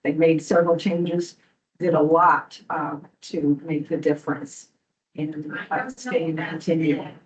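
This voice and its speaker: A woman's voice: low-pitched, a little slow. A woman giving a hesitant public comment at a board hearing, full of ums and restarts, in a courtroom-style recording. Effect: courtroom-style hearing room recording. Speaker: local business owner speaking at a public hearing. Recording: dull distant hearing room recording.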